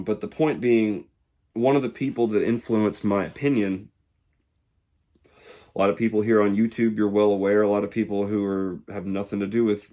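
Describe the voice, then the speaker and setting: A man in his twenties from Georgia, speaking in a casual, reflective monologue that pauses often to find the words. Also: lowish voice, a little mellow. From Georgia, USA. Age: 20s. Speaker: YouTuber.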